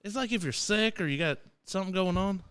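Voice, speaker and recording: A man's voice: high-pitched, quick pace, a bit bright, smooth. A man co-hosting a live radio podcast, joking, swearing freely and laughing often. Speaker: podcast co-host. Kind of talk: casual live radio banter.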